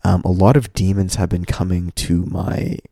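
A man with a low, relaxed voice and a slightly congested nose speaks as a podcast host. He rambles candidly and informally, addressing his listeners directly. The sound is close and dry. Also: normal speed, creaky, dry recording. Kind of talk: casual solo podcast monologue.

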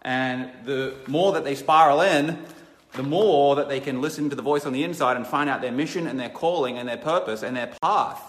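A man giving a blunt, emphatic self-help lecture that turns into a sales pitch, swearing freely. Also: moderate pace. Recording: long hall reverb.

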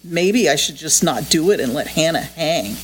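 A woman voicing a young female maid in an audio drama, muttering sulkily to herself and breaking into shrill screams. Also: lively intonation, normal speed, a little hiss or hum, poor audio. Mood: grumbling. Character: young female maid, grumbling then panicked.

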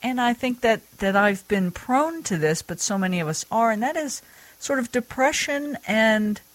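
A woman's voice: normal speed, no echo. A woman hosting a radio show, chatting casually with guests and laughing easily. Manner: chatty, laughs easily, lively pitch swings. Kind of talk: casual radio interview chat.

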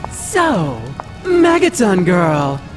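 A boastful cartoon villainess who savors her words at a slow pace. Her delivery is theatrical and melodramatic, swinging widely in pitch, with music clearly audible behind her. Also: wildly swooping pitch, exaggerated voice. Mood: gloating. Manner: grandiose, melodramatic. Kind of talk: animated comedy voice acting.

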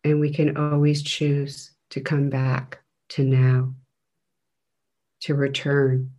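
Gentle and even-pitched, a man's medium-register voice guides a meditation very slowly. He is a meditation teacher, and he lets long, measured silences fall between his phrases.

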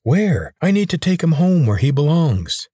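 A man's voice: on the low side, lively intonation, moderate pace, a little mellow, slightly rough, no echo, clean studio sound. A man voicing an earnest young male hero in a storybook reading.

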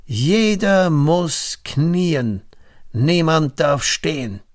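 A man voicing a king's herald in a storybook reading, proclaiming loudly. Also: on the high side, expressive, drawn-out words, voice pushed up.

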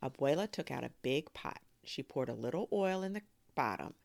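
A woman hosting a storytime, reading a children's book aloud in an expressive, animated way. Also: extremely low pitch, normal speed, gravelly, no echo. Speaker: storyteller host.

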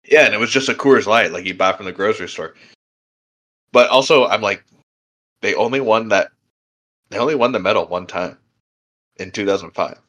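Bright-voiced young man rambling casually. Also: lowish voice, normal speed, long pauses. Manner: rambling, filler-heavy, laughs easily. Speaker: podcast co-host. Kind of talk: casual chat.

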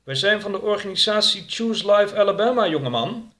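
A man's voice: sits high, expressive, brisk, bright, forceful tone, pitched above the performer's own voice. A man voicing a stern, lecturing male activist. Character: stern, pious middle-aged male activist.

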